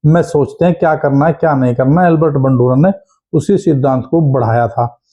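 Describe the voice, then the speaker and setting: A man teaching an exam-prep lesson, animated, posing questions and answering them himself. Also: fairly high pitch, fairly quick. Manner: animated, asks and answers his own questions. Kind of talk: lecture. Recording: dull lo-fi audio.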